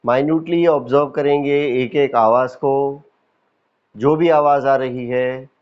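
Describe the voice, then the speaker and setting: Heard through lo-fi sound, a mid-range male voice with an Indian accent teaches a guided yoga nidra session. He stays calm and instructive, with deliberate repetition and pauses.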